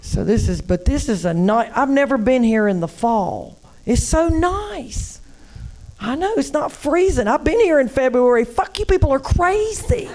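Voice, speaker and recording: A woman's voice: high voice, lively intonation, normal speed, few pauses, darkish tone. A woman from North Carolina with a Southern accent, doing a live stand-up set in a comedy club and teasing the crowd in a chatty drawl. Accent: Southern American.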